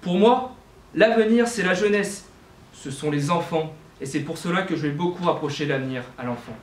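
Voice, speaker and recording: A man's voice: fairly high pitch, moderate pace, a little hiss or hum. A young man delivering a student eloquence-contest speech, declaiming with rhetorical questions and small self-corrections. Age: young adult. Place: university lecture hall. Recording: roomy hall with faint ambience.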